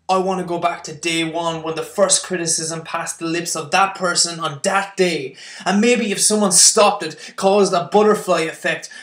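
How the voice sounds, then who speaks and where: A man's voice: on the high side, fairly bright tone, echoey room. A young man performing spoken word poetry, intense and building to impassioned outbursts.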